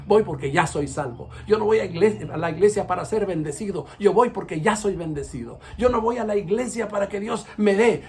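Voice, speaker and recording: A man's voice: on the high side, slight background noise. A man, a pastor, preaching an earnest sermon video and telling stories with frequent restarts.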